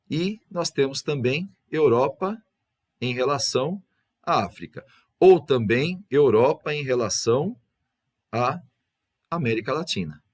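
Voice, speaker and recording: A man teaching an exam review lesson, explaining step by step and ending nearly every phrase with a tag question. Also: medium pitch.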